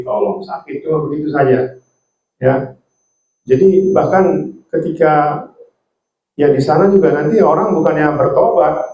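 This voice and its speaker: A man preaching a sermon, often ending his phrases with a soft "ya". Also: a little high, echoey room, poor audio. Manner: repetitive, ends phrases with "ya".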